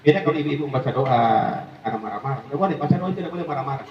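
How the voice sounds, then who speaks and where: A man giving a humorous condolence sermon, acting out voices with high squeals and laughing often. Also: lively intonation, very fast, background noise. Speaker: preacher at a memorial gathering. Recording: echoey hall, distant, muffled mic.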